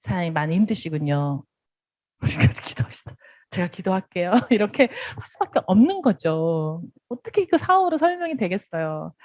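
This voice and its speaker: A woman's voice: lowish voice, mellow, no echo, lo-fi sound. A woman giving a motivational business seminar, acting out little dialogues and laughing often.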